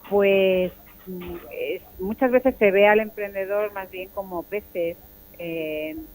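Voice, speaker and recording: A woman calling in over a live phone line from a somewhat noisy place, talking haltingly and restarting as she searches for words. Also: medium pitch, a little mellow. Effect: heard over a live phone call. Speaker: caller. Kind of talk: live call-in question on a radio show. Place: somewhere with some background noise.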